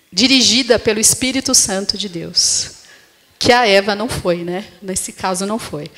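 A Brazilian woman pastor preaching to her congregation at a middling pitch, in a plain and conversational tone. She keeps asking the room short tag questions. Her voice carries a long church-hall reverb. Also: a bit bright. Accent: Brazilian Portuguese. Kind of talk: sermon.

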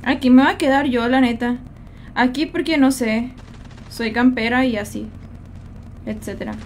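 A young Mexican streamer talks with her chat during a casual gaming livestream, using quick, slangy, Spanish-flavored banter and teasing the viewers she greets. Her high voice has a steady, slightly mellow tone, with a faint hiss beneath it.

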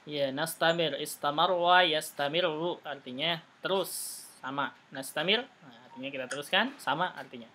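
Bright-voiced woman teaching Arabic online. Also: sits low, moderate pace, a little hiss or hum. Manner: patient, explains step by step with repeated phrases. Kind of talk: online Arabic conversation lesson.

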